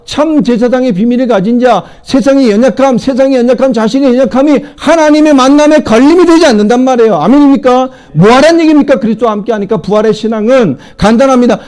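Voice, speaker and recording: A middle-aged pastor preaching with a high-pitched male voice. He fires questions at the congregation and drops from loud emphatic lines to quiet asides. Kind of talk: sermon.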